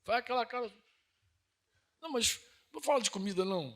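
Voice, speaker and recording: A man's voice: lively intonation, quick pace, sharp tone. A man with a Brazilian Northeastern accent preaching a sermon in an earnest, conversational way, asking his listeners questions and building to emphatic peaks. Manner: rises to emphatic high-pitched peaks.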